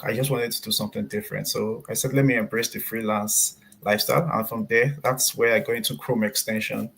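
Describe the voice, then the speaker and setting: A man talks earnestly about his work as a podcast guest. His voice is low and a bit husky. He tells his story at an easy, conversational pace. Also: fairly bright tone. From Nigeria. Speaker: podcast guest, software engineer. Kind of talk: casual interview answers.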